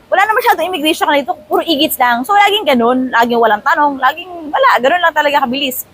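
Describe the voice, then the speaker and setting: Animated chatty woman vlogger. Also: high voice, quick pace, low-quality recording. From Philippines. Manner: chatty, animated, mixes in English phrases. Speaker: travel vlogger. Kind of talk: casual storytelling vlog. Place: airport terminal, indoors.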